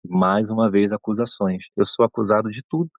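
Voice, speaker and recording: A man in his thirties, co-host of a podcast, retelling a film at length in casual talk and voicing its characters in a raised pitch. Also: fairly even intonation, a little fast, no room sound. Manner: long retelling, acts out quoted lines in raised pitch.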